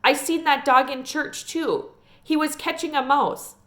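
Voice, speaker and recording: Woman doing an earnest little girl, high-pitched and chatty. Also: measured pace, a bit bright. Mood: earnest, curious. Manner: childlike, folksy ungrammatical speech. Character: earnest five-year-old Southern girl, blunt and chatty.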